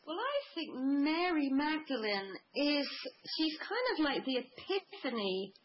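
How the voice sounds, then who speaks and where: Woman going on about divine feminine stuff in long flowing lists, kinda high voice, muffled lo-fi audio. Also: sing-song, measured pace, slight background noise. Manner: flowing, mystical phrasing with lists. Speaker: guest. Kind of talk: spiritual conversation.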